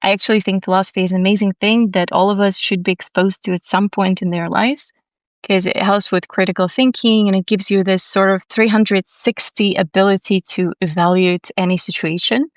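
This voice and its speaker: Calm, smooth-voiced woman from Latvia. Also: medium pitch, no echo, lo-fi sound. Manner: calm, soothing, articulate. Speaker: podcast guest. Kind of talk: conversational interview.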